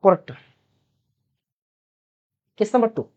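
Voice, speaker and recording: A young man teaches chemistry online, talking a little slowly in a darkish tone. Loud speaking has given him a sore throat, but he still repeats each point and puts quiz questions to his students.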